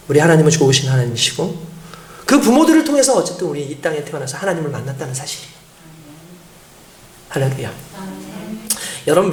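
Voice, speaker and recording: A middle-aged male pastor preaching and telling a story with lively acting of quoted voices. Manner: animated, acts out quoted voices with big pitch jumps. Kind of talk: sermon with storytelling. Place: church sanctuary. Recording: echoey church hall.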